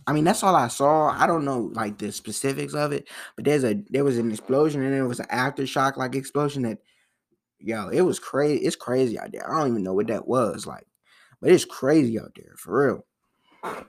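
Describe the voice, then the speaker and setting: Young man, gravelly voice, casual profane podcast rant, rambling with restarts. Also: mid-range voice, animated, normal speed. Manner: loose, rambling and profane, with frequent restarts and slang. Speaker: podcast host. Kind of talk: casual solo podcast commentary.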